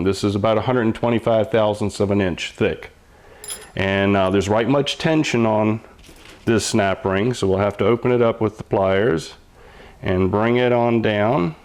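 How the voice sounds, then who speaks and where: A man's voice: on the low side, a little mellow. An older man explains hands-on mechanical work step by step, like an old machinist, in a patient, folksy, plain-spoken way. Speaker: mechanic giving instruction.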